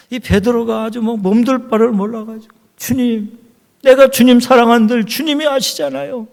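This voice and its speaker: A man's voice: high voice, gravelly. A male pastor preaching a sermon in a church sanctuary, telling the story vividly with rhetorical questions. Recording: reverberant church hall.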